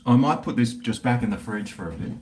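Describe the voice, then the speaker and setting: A man's voice: medium pitch, lively intonation, fairly quick, a little mellow, slight background noise. A middle-aged man, rambling casually on a livestream in a blokey, laid-back, sweary way. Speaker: livestream host. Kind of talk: casual rambling livestream chat while drinking beer.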